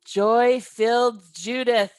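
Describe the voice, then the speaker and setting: A woman's voice: fairly high pitch, fairly even intonation, slow, no room sound. A woman hosting an online social on a video call, cheerfully calling on guests and teasing them. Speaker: event host.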